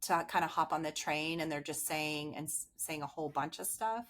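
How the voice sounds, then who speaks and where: A woman in her late forties with a fairly low voice, chatting as a podcast guest. She talks in rambling stories and keeps stepping into asides before circling back. It is a relaxed, conversational delivery. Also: normal speed. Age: 40s. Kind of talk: casual podcast chat.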